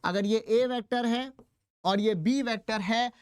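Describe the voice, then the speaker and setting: A male teacher with a very high-pitched, clean voice gives an unhurried, step-by-step lecture at a classroom board. He addresses his students directly and slips English phrases into his Hindi.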